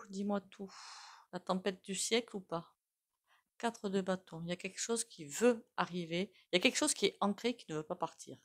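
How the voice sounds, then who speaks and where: Woman, accented French, tarot reader, fairly low voice, chatty, rambling asides. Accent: non-standard French accent. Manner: chatty, many fillers and asides. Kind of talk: casual spoken tarot reading.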